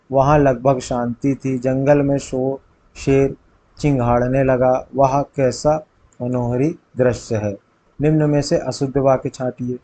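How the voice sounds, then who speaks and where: A man's voice: medium pitch, dark tone, low-quality recording. A man tutoring for exams, reading multiple-choice grammar questions aloud and then stating which answer is correct. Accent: Hindi, north India. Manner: reads options, then states the answer. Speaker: exam tutor.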